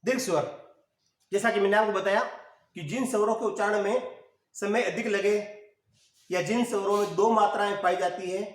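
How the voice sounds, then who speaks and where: A man's voice: sits high, moderate pace, long pauses. Male teacher, repetitive drilling lecture style; roomy, distant recording. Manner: repetitive, rhetorical questions answered himself. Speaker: Hindi teacher. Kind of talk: classroom lecture. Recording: echoey room, mic far off.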